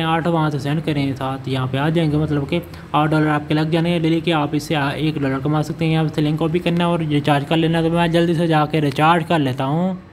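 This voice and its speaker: A man's voice: fairly high pitch, a little hiss or hum. A man narrating a step-by-step phone app walkthrough, with fillers and self-corrections as he goes. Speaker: channel host. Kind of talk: screen-recorded app walkthrough. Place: voice-over over phone screen recording.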